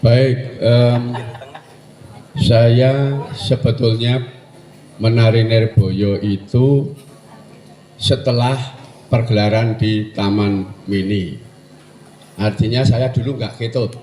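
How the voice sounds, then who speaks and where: A man's voice: mid-range voice, fairly even intonation, slow pace, pauses often, dark tone. A man in his sixties, a dancer, talking casually and animatedly, with Javanese phrases. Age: 60s. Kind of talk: casual conversation. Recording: echoey room.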